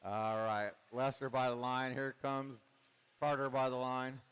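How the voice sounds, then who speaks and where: A man's voice: mid-range voice, in a large hall. Joking man calling a club race. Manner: joking, chatty, calling out drivers. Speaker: race director and commentator. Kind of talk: casual live race commentary.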